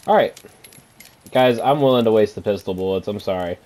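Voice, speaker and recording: A man's voice: fairly low pitch, fast, warm tone. A man streaming a horror game with live commentary, sounding scared and panicky, in casual slangy talk with swearing.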